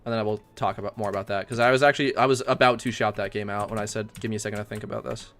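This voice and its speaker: Excitable young man streaming a game. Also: lowish voice, racing. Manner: excitable, swears often, rants loudly at the game. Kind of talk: casual game livestream commentary.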